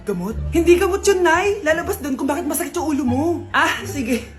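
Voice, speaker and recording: A woman with a Filipino accent acting loud, teasing, dramatic characters in exaggerated family comedy skits. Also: sits high, expressive, fairly quick. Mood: bantering. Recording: loud music under the voices.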